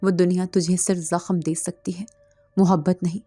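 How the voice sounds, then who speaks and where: A woman's voice: mid-range voice, mellow, lightly acted. A woman voicing a cold, possessive male jinn who speaks with icy mockery in a storybook horror tale. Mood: angry. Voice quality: cold, mocking.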